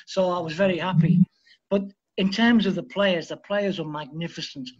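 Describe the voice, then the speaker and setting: A man from Liverpool, a football coach telling lively anecdotes as a podcast guest and acting out the dialogue. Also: sits high, normal speed, slightly rough, dull audio. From Liverpool, England. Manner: lively storyteller who acts out quoted dialogue. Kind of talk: anecdotal interview storytelling.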